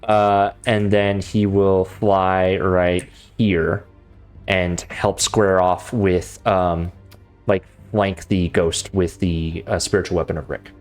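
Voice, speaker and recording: A man's voice: deep voice, flat delivery, slow. A man runs a tabletop game as its game master, rambling casually through rules and action. Faint music plays behind his voice. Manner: casual, rambling, many fillers.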